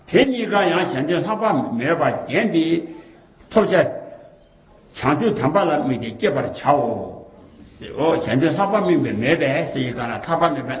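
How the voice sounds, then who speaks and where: A man talking casually and at length, rambling and repeating himself, with many fillers and rhetorical asides. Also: mid-range voice. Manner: rambling and repetitive, often circling back to the same phrases; colloquial, with frequent fillers and rhetorical questions. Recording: roomy, dull lo-fi recording.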